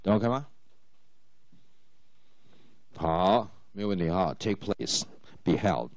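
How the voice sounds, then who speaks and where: A man's voice: deep voice, expressive, slow, darkish tone, dry recording. A man teaching English to exam students, explaining in Mandarin with English phrases and often checking if students follow. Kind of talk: exam-prep lecture.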